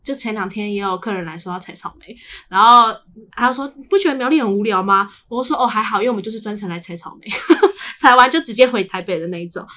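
A young adult woman co-hosts a podcast, her medium-pitched voice fast, bright and pushed. With a Taiwanese Mandarin accent, she chats casually and tells stories in a chatty way, voicing the dialogue herself.

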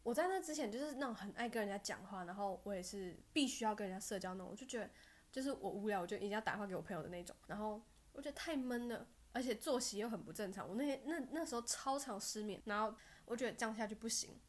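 A young woman, a podcast guest telling funny stories of her bad luck in a casual, animated chat. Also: mid-range voice, quick pace. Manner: animated storytelling, bursts of laughter and loud self-cheers.

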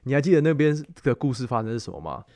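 A man's voice: medium pitch, big pitch swings, rapid-fire, a little mellow, no room sound. A man with a Taiwanese Mandarin accent telling travel stories in a casual, conversational chat. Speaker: podcast host.

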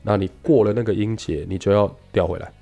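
A man with a low, gravelly voice teaches English pronunciation. He explains patiently and stretches out example words to demonstrate them. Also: fast, mellow, soft background music. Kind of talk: radio-style English lesson.

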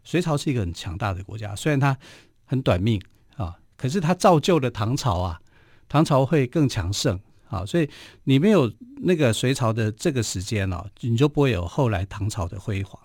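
A man with a Taiwanese Mandarin accent hosts a radio history program, speaking in a loose storytelling way that is dotted with little filler particles. His voice sits at a middling pitch. The studio sound is dry and close. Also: animated, brisk, darkish tone, dry recording. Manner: chatty, frequent filler particles.

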